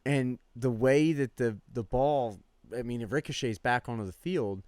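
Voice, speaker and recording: A man co-hosting a casual sports podcast, telling rambling, animated stories between laughs. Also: mid-range voice, normal speed, dry recording. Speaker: podcast co-host.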